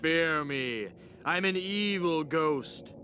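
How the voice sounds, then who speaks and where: A man's voice: on the high side, animated, takes it slowly, pushed and bright, full character voice. A man playing a hapless, earnest adventurer in a comic adventure game, pleading and bluffing theatrically as a would-be ghost. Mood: mock-menacing, sheepish.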